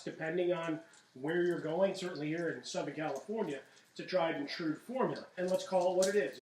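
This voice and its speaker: A middle-aged man hosts a home cooking segment with a chatty, folksy delivery and punchy asides. His voice sits a little high for a man. He sounds set back from the mic in an echoey home kitchen. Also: far from the mic. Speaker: host of a home cooking show. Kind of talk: casual cooking demonstration.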